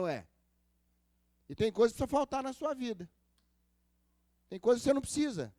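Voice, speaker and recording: A man with a very high voice preaches a sermon, as a pastor does. He tells stories and acts out the dialogue, and he keeps asking the congregation to answer him. The sound is dry and close, with almost no echo. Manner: asks the congregation for responses. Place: church service.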